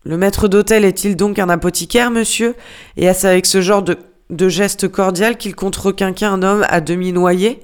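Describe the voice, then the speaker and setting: A hot-tempered ship's mate, as an audiobook reader puts him on mocks and scolds with rhetorical questions, one after another. The reading keeps the reader's own mid-pitched voice. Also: fairly even intonation, moderate pace, clean tone, lightly acted. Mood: sarcastic. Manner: mocking, hammering rhetorical questions. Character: irate, sarcastic male ship's mate scolding a steward.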